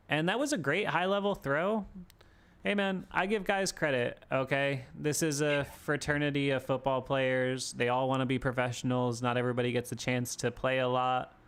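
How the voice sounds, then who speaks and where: A man co-hosting a casual sports talk stream, ranting with animated energy and swearing freely. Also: medium pitch, smooth. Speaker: podcast co-host.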